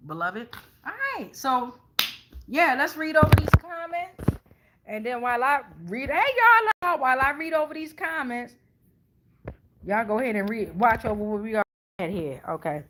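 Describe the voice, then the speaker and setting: A middle-aged American woman hosts a live stream, giving a casual tarot reading with sass and emphasis while swearing freely. Her voice is a little high and sharp in tone.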